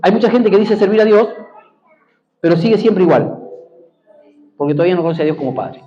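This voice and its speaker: A high-pitched Argentine man preaching to his congregation. He drives his points home by repeating phrases and asking for amens. The recording sounds dull and lo-fi, with a faint hiss underneath. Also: expressive, a little fast. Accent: Argentine Spanish. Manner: emphatic, repeats key phrases, calls out for amens. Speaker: pastor. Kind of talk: preaching a sermon.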